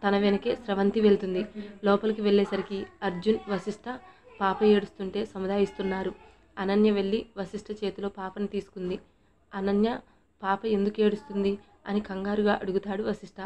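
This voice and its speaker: A woman's voice: mid-range voice, level tone, a little fast, warm tone. A woman reading a romantic story aloud as narrator, speaking every character's lines in her own voice. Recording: dull lo-fi recording.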